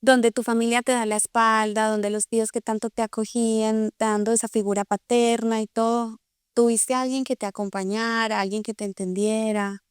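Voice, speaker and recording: A woman with a Costa Rican accent hosting an interview, asking gentle, empathetic questions. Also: fairly high pitch, level tone, normal speed, smooth, dry recording, studio quality. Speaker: interviewer host.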